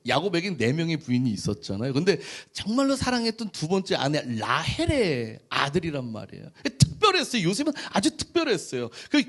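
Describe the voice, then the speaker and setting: A male pastor preaching in a high, lively voice. He tells the story with animated storytelling and keeps asking the congregation rhetorical questions. His pitch swings widely as he goes. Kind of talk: sermon.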